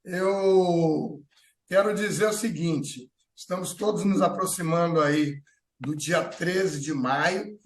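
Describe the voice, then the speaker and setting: A Brazilian man hosts a talk show, voicing strong opinions. His voice sits high and often hesitates and restarts mid-sentence. The sound carries a clear room echo. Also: slow pace. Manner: thinks aloud with many fillers and restarts. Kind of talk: opinionated political chat.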